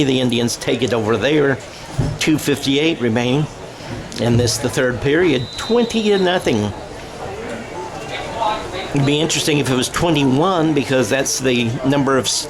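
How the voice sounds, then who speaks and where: Here the announcer speaks at a moderate pace and medium pitch, doing radio-style football play-by-play outside with rambling, self-correcting commentary and folksy asides. A crowd is audible and the audio quality is poor, though the outdoor stadium background noise is clear.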